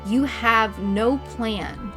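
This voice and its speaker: A woman voicing a pompous villain mastermind in a boy's body for a story game, with slow, theatrical, condescending menace. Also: a little high, music in the background. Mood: cold menace. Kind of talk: voiced reading of story game dialogue.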